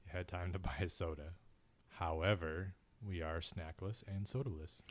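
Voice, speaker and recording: A man playing a teasing, deep-voiced sailor. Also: steady tone, moderate pace, no room sound, close to an everyday voice. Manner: dry teasing banter. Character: teasing, snack-hungry young male sailor. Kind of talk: improvised comedy audio drama.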